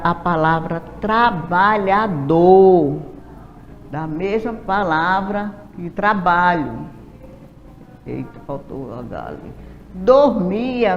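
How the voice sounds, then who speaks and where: A Brazilian woman teacher giving a recorded lesson, speaking slowly and patiently and often asking rhetorical questions. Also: medium pitch, a little hiss or hum. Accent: Brazilian Portuguese. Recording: dull lo-fi sound in a reverberant room.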